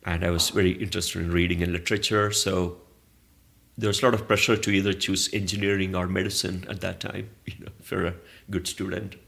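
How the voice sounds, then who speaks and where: A Malayalam-speaking man from southern India, an arts organizer, is a guest in a reflective conversational interview. He answers thoughtfully but meanders and often restarts. His voice is deep, gravelly and a bit bright, delivered flatly and a little fast.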